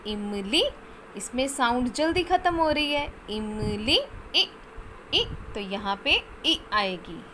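A woman's voice: high-pitched, sing-song, sharp tone, slight background noise. A woman with an Indian accent teaching young children in an online lesson, drawing out vowel sounds and coaxing them along. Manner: slow, drawn-out sounding of vowels; coaxing, calls the child "beta". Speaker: kindergarten teacher.

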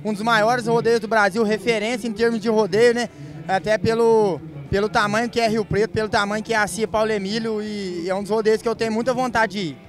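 A man's voice: high-pitched, steady tone, a little fast. A young Brazilian man, a bull rider, giving casual interview answers into a handheld microphone. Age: young adult. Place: rodeo backstage, in front of a banner.

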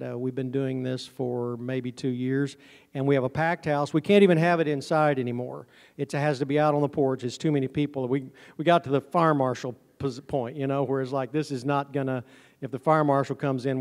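A middle-aged conference speaker who runs a honey farm talks a bit fast in a steady, medium-pitched, darkish voice, keeping things informal, folksy and self-deprecating. His handheld mic goes through the PA of a large indoor auditorium, and the recording from an audience camera has hall reverb from the stage sound system.

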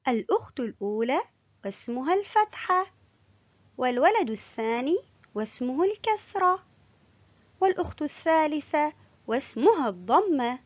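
A woman teaching a kindergarten class, slow, sing-song and encouraging. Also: high-pitched, no echo, muffled recording. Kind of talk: teaching young children.

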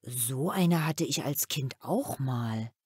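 Woman doing a calm father in a storybook, low and slow, husky tone, dry booth sound. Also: no echo, heavily acted. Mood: reflective. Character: gentle thoughtful father, quietly sad.

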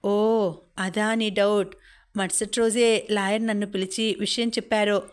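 Young guy pleading in a calm even voice, woman reading him in an audiobook. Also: medium pitch, measured pace, clean tone, close to an everyday voice. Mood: calm, teasing. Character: young man pleading and teasing.

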